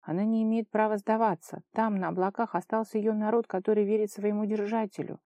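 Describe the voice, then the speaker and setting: A woman narrating a fantasy novel in a steady storytelling voice. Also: mid-range voice, a little fast, dry recording. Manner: steady storytelling, lively dialogue. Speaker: audiobook narrator. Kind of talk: scripted narration.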